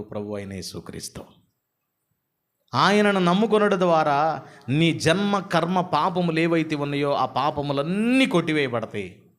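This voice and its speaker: A man preaching a storytelling sermon, animated and full of rhetorical questions and repeated lists. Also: mid-range voice. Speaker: pastor.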